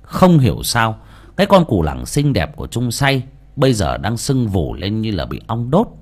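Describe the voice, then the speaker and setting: A man narrating a folk ghost story in a lively, colloquial, dramatic way. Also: on the low side, moderate pace, slightly rough. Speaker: audiobook narrator.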